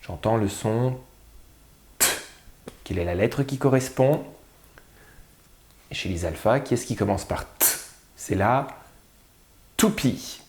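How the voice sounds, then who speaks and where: A man teaching a spelling lesson, sounding out syllables slowly and carefully. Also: mid-range voice, expressive, a little mellow, echoey room. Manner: slow, drawn-out, sounding out syllables.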